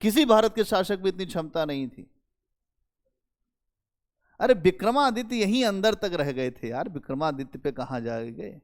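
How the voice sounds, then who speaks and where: A male history teacher giving a lively, conversational classroom lecture and talking straight to his students. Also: high-pitched, moderate pace, long pauses. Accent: Hindi-speaking North Indian. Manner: animated, conversational, addresses students directly.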